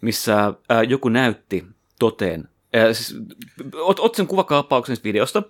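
A man's voice: mid-range voice, sing-song. A man co-hosting a podcast, telling jokes and stories in casual chat. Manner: joking storyteller. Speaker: podcast co-host.

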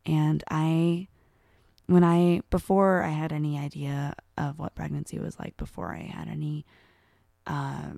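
A woman's voice: deep voice, level tone, unhurried, gravelly, warm tone, no room sound, clean studio sound. A young adult woman co-hosting a podcast in casual chat, rambling with many fillers. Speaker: podcast co-host.

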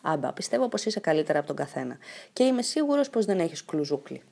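A woman voicing a calm, kindly male doctor in a storybook reading, speaking in a reassuring way. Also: low-pitched, gravelly, heavily acted.

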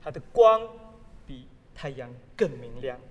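A man preaching a sermon as a pastor, telling stories with sudden loud exclamations. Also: mid-range voice, very animated, unhurried, a little hiss or hum. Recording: long hall reverb.

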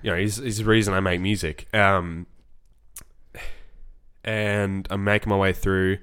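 A young man, co-hosting a podcast, telling an excited story in casual chat and acting out what people said. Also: low voice, measured pace, smooth. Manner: excited storytelling, acts out quotes. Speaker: podcast co-host.

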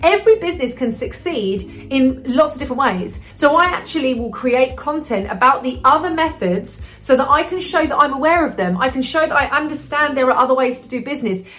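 A woman's voice: high voice, lively intonation, brisk, few pauses, a bit bright. A woman business coach talking casually to camera, upbeat and chatty, with lots of "you know" fillers.

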